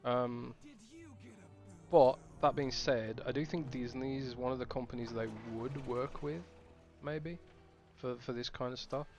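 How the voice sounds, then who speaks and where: A man's voice: mid-range voice, steady tone, unhurried, a little mellow, dull audio, soft background music. A man streaming a game, chatting casually and thinking aloud with restarts. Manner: rambling, thinking aloud with fillers.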